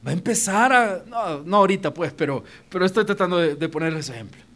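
Pastor guy preaching in church, pretty high voice, talks right to the crowd. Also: expressive, quick pace, fairly bright tone. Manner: emphatic, addresses congregation directly. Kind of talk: sermon. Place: church auditorium.

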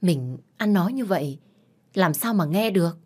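A worn-down mother speaks softly and pleads, with a firm scolding edge, voiced by a woman storyteller. The voice sits a little below the usual pitch. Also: expressive, moderate pace, husky. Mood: gentle. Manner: pleading, then sharply scolding. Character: long-suffering mother, patient then defiant.

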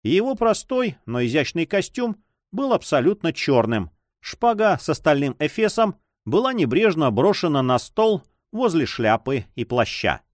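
A man reading an adventure novel aloud as a narrator, in a measured, expressive storytelling manner. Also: on the high side, dry recording, clean studio sound. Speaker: audiobook narrator.

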